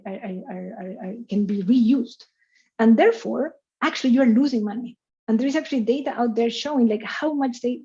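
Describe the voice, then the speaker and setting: Over muffled video-call audio, a woman from Chile answers questions following her online lecture as an invited speaker. She talks freely and laughs frequently, with plenty of "you know" and "like". Her voice sits on the high side with a dark tone.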